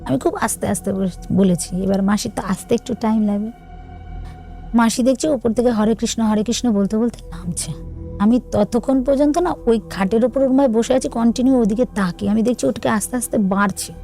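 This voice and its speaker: A woman, telling her own true ghost story in an earnest, halting, hushed way. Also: on the high side, soft background music.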